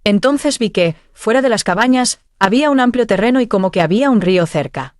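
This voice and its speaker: A woman's voice: a little high, lively intonation, fairly quick, darkish tone, dry recording, studio quality. Earnest woman recounting a vision. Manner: earnest, heartfelt storytelling. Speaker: church member giving testimony.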